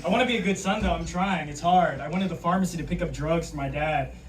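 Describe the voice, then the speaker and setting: A male stand-up comedian delivers dry, deadpan one-liners in a slightly high, understated voice. He sounds distant from the mic in a comedy club, with loud noise and crowd laughter around him. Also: fast. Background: audience laughter.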